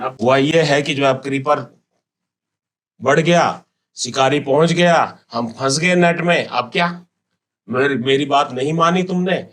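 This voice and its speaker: Middle-aged guy teaching english, reads lines slow then explains each word, medium voice. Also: medium pitch, fairly bright tone. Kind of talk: classroom lesson explaining an English story.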